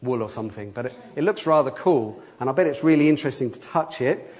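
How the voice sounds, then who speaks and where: A man leading a gentle children's talk in a church service, reading scripture and asking the children questions. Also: medium pitch, fast talker, long reverb tail. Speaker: preacher.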